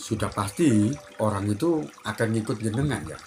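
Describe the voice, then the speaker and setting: A man's voice: lowish voice, expressive, moderate pace, darkish tone, slight background noise. A middle-aged man with an East Javanese accent gives a spiritual advice talk as a teacher, repeating his points and admonishing the listener directly. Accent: East Javanese Indonesian. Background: music.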